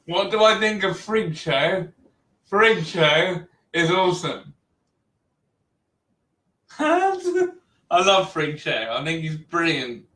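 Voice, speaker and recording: A man hosting a casual wrestling chat, relaxed and chatty, laughing often. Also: sits high, slow pace, pauses often. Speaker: podcast host. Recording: roomy echo, distant mic.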